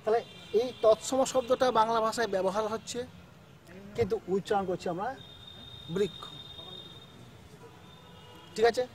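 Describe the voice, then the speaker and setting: A man's voice: high voice, fairly quick, slight background noise. A male school teacher, teaching a grammar lesson step by step and often checking in with his students. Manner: explains step by step, checks in with "ঠিক আছে?".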